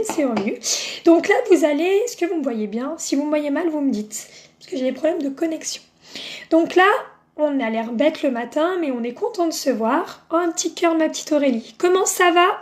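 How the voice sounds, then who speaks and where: A woman's voice: sits high, a little mellow. Chatty woman doing a live makeup demo, greets viewers by name, lots of euh and bah. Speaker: makeup seller hosting a live stream. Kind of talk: casual live-stream demo chat.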